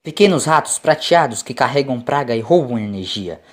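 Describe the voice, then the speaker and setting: A man voicing a calm, grave, commanding doctor adventurer in an audio story. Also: medium pitch, moderate pace, close to an everyday voice. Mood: urgent warning. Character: calm, commanding male time-travelling doctor, quietly grave. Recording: clear background noise.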